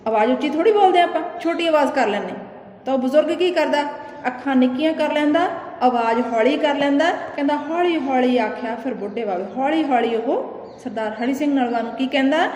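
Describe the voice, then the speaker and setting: A woman teacher with a Punjabi accent explaining a poem to her students, reciting its verses slowly and then explaining them in plain talk. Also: high-pitched, a little mellow. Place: classroom. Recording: echoey room with faint noise.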